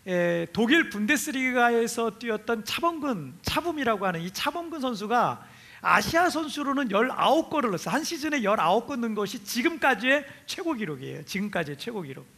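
A male pastor from Chungcheong preaching a chatty, animated sermon and laughing with the congregation. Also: very high voice, brisk, husky. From Chungcheong, Korea.

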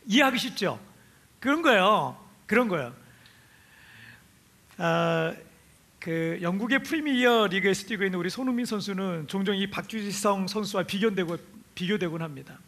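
Animated high-voiced male pastor preaching. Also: normal speed. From Chungcheong, Korea. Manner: animated, chatty, laughs with the congregation. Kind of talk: sermon.

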